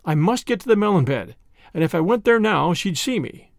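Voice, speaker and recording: A man's voice: high-pitched, sing-song, fairly quick, creaky, dry recording, clean studio sound, heavily acted. A man voicing a fierce little mongoose hero. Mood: impatient. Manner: urgent, determined. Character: small brave fierce male mongoose.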